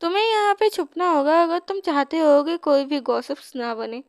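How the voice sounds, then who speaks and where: A woman's voice: high voice, moderate pace, no room sound. A woman voicing a young noble heroine from a romance comic, talking in a chatty, amused way that repeats itself. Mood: urgent.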